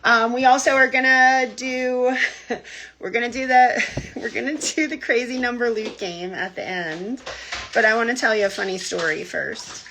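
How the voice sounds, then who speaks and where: A woman's voice: fairly high pitch, normal speed, bright, forceful tone, slight background noise. A woman hosting a weekly livestream news brief from inside a tiny house, chatty and laughing often as she greets viewers by name. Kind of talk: casual livestream chat.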